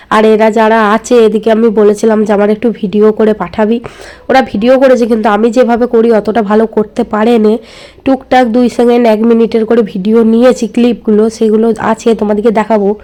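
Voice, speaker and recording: A young woman from India with a hoarse voice from a cold, chatting casually to viewers in a vlog voice-over as she explains what is happening. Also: fairly high pitch, dark tone. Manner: chatty, explaining family wedding customs to viewers. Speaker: vlogger.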